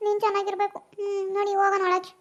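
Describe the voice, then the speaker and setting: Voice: extremely high pitch, monotone, racing, fairly bright tone, highs cut off. A performer voicing a young grandson in a comedy cartoon, sulking at his grandmother and then coaxing her. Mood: reassuring. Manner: sulky, reproachful.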